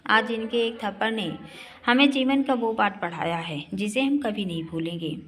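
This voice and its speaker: A woman voicing a young, tearful daughter-in-law who pleads softly. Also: medium pitch, expressive, measured pace. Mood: pleading.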